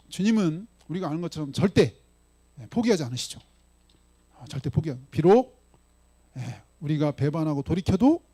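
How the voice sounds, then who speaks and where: Lively high-voiced male pastor preaching. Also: breathy edge. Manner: conversational preaching, often asks the congregation "응?"; voices his own lines for Jesus in dialogue. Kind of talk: sermon.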